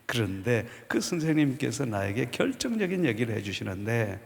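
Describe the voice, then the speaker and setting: A man in his fifties, a pastor, giving an animated storytelling sermon testimony in a church. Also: medium pitch, moderate pace, creaky. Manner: animated storytelling, acts out quoted voices. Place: church sanctuary. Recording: long church hall reverb.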